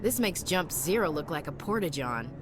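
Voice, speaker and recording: Sardonic soldier, low and lively, teasing, for a game. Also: female voice, moderate pace, music in the background. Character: wisecracking female soldier, teasing.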